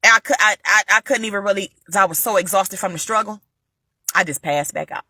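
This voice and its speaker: A woman giving a casual spoken faith testimony to viewers, animated and repeating her phrases for emphasis. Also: mid-range voice, fast talker, husky, no room sound, studio quality. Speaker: vlogger sharing a faith testimony.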